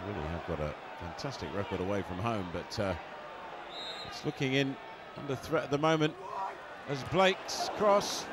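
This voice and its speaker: A man giving live play-by-play football commentary in an excitable manner that can rise to shouts. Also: mid-range voice, normal speed. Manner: excitable, rising to shouts at key moments. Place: outdoor football stadium. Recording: loud crowd noise over live commentary. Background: loud stadium crowd.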